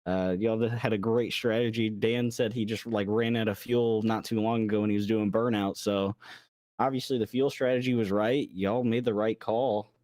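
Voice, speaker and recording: A man's voice: on the low side, steady tone, normal speed, darkish tone, no room sound. Man interviewing casually, in a dry room. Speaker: race broadcast interviewer. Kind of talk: casual post-race interview.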